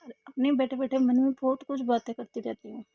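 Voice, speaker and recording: A woman's voice: high-pitched, little pitch movement, fairly quick, creaky, no room sound, lo-fi sound. A woman sharing a fervent devotional testimony, repeating herself often and addressing the listeners directly. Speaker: devotee sharing a satsang experience.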